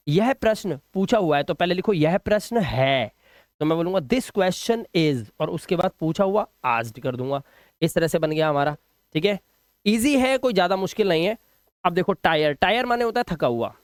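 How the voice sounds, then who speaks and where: High-voiced man teaching English. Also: no echo, studio quality. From India. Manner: explains slowly, repeats each word and asks "ठीक है?". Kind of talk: spoken English lesson in Hindi.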